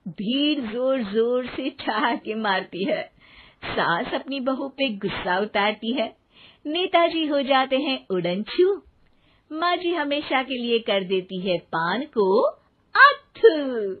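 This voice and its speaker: A woman giving rhyming scripted narration for an animated family story, on a tinny, phone-like recording. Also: high voice, slow.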